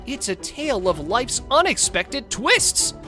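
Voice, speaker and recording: A woman's voice: a little high, very animated, measured pace, sharp tone, faint music behind. A woman narrating in a playful, theatrical scripted style, with sassy, slangy asides. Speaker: narrator of a court show recap.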